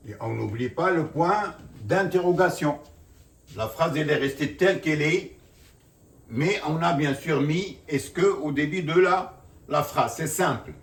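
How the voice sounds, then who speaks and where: A man gives a classroom grammar lesson, speaking slowly in a fairly high, lively voice and filling his explanations with "bien sûr". He is recorded from some distance off the mic in a roomy space. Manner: slow, explanatory, repeats "bien sûr" often. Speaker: French teacher.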